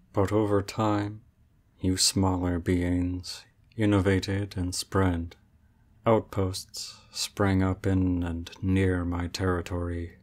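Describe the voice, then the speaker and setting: A man with a deep voice plays an ancient, distant male dragon who has taken human form for an ASMR roleplay. He speaks in a formal, reserved, measured manner against faint background noise.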